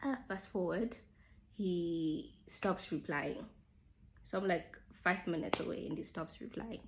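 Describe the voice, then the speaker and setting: A woman's voice: fairly low pitch, measured pace, gravelly, slight background noise. A young woman casually telling viewers a personal story, full of "like" fillers and calling them "guys". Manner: chatty, frequent "like" fillers, addresses viewers as "guys". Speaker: vlogger telling her engagement story.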